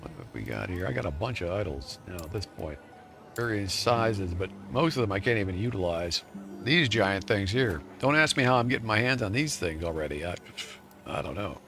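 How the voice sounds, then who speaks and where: A man's voice: fairly low pitch, very animated, normal speed, bright, forceful tone, faint music behind. A man streaming a game live, reading patch notes aloud and chatting to viewers in a playful, jokingly boastful way. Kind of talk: live gameplay commentary and patch-note reading.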